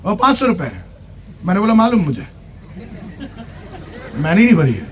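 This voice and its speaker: A man's voice: high-pitched, wildly swooping pitch, normal speed, a faint crowd, a little hiss or hum. A man preaching at a church convention, telling a humorous personal story, acting out the dialogue and urging the congregation to clap. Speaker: pastor. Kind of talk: sermon.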